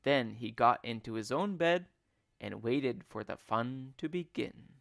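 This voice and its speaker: A man who teaches English, reading a children's book aloud in an expressive, deliberate way. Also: mid-range voice, creaky, dry recording, studio quality. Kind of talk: children's read-aloud storytelling.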